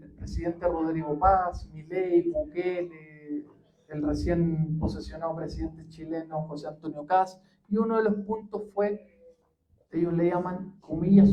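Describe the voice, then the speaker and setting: A history professor giving a public talk, unhurried and full of pauses and fillers. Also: male voice, high-pitched, muffled recording. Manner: measured, many pauses and fillers.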